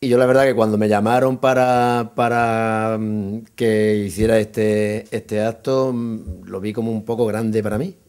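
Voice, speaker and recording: A man's voice: on the low side, little pitch movement, unhurried, hardly any pauses, darkish tone, smooth. An Andalusian man in his fifties making informal, modest, slightly hesitant remarks at a press conference. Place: indoor press room. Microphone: table microphone.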